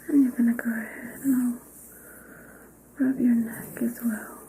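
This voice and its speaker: A woman in an ASMR role-play as a scalp massage therapist, speaking in a soft, gentle, soothing spa soft voice close to a binaural microphone. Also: fairly high pitch, little pitch movement, a little slow, a little hiss or hum, poor audio.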